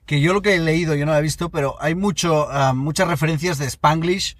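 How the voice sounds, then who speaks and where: Casual male co-host, slightly high voice, chatty with lots of restarts, dry close mic. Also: brisk, dry recording. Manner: chatty, many restarts and fillers. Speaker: podcast co-host. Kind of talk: casual chat.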